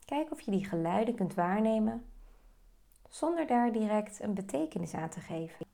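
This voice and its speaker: Woman, meditation guide, soft-spoken, slow and calm, warm mellow tone. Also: medium pitch, gravelly.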